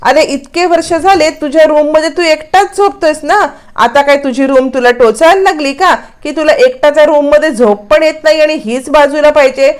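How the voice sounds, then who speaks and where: A woman voicing a stern, scolding middle-aged mother-in-law in a spoken retelling of a TV serial, with a sharp, reproachful delivery. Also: sits high, animated, normal speed, few pauses.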